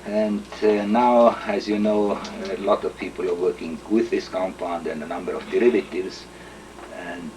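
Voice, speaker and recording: An older man from Estonia speaks in a low voice, recounting his work in a measured, hesitant way full of fillers and throat clearing. He sits some distance from the mic, and a faint hiss runs under the recording. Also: steady tone, a little mellow. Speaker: interviewee, chemist. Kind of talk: oral history interview.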